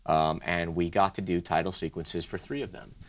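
A man's voice: sits low, fairly even intonation, normal speed. A man from Brooklyn, New York, explains things step by step as a guest in a conversational interview. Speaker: interview guest, design studio co-founder.

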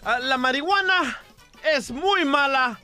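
Bright, very high-voiced male co-host. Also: lively intonation, faint music behind. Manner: joking, quick interjections. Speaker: radio co-host. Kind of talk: casual comedic radio banter.

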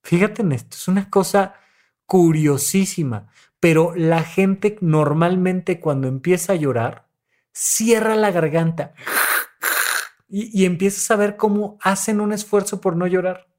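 A man's voice: sits high, unhurried, darkish tone. A man with a Mexican accent, a therapist on a podcast about emotions, talking in a demonstrative, coaching way and acting out breaths and sighs. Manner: demonstrative, coaching, acts out breathing and crying sounds.

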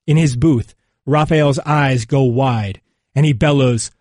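A man's voice: mid-range voice, takes it slowly, a little mellow, no room sound. Solemn male narrator, dry close sound. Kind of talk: scripted narration of a magazine feature.

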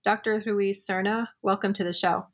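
A woman's voice: medium pitch, steady tone, moderate pace. A woman hosting a podcast interview, opening with a friendly scripted introduction. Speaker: podcast host.

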